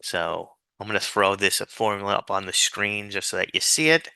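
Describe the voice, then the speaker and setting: A man's voice: fairly low pitch, expressive, normal speed, creaky, sharp tone, clean tone, dry recording. A man giving an informal, patient step-by-step spreadsheet tutorial, dictating things piece by piece as an instructor. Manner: dictating formulas piece by piece, spelling out letters and symbols.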